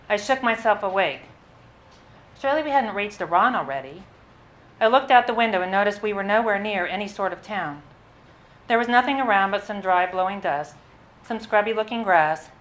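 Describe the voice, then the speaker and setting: At a live literary event, a woman reads her own first-person story with measured expression and the odd small stumble. Her voice is medium in pitch.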